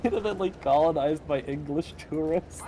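A man's voice: a little high, brisk, dark tone, a little hiss or hum. Rambling joking man on a voice call. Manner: rambling, joking, fond of silly put-on accents. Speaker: group member in a gaming voice chat. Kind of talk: casual chat.

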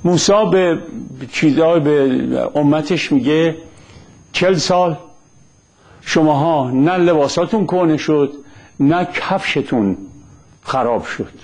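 Middle-aged man, Isfahani accent, husky voice, blunt emphatic lecture monologue. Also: darkish tone. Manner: blunt, emphatic, rising pitch on key phrases. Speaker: commentator on religion.

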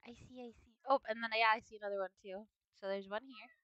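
A woman's voice: fairly high pitch, fairly even intonation, fast talker, pushed and bright, clear, resonant tone, no room sound, lo-fi sound. A young woman with a sniffly nose giving chatty, playful commentary on a video game at home, now and then breaking into bits of song. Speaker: gaming video host. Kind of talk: casual gameplay commentary.

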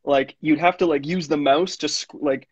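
A man's voice: on the high side, steady tone, normal speed, breathy edge, no room sound. Young man, slangy rambling storyteller, dry studio sound, dull lo-fi audio. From Montreal, Canada. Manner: rambling, laid-back slang-heavy storytelling with lots of fillers. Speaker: music producer guest. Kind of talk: casual radio interview. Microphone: studio mic.

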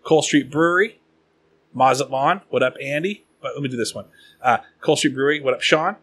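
A man in his late thirties from the Pacific Northwest, hosting a casual podcast and rambling through sponsor and supporter shout-outs. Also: medium pitch, a little fast, slight background noise. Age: late 30s. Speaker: podcast host.

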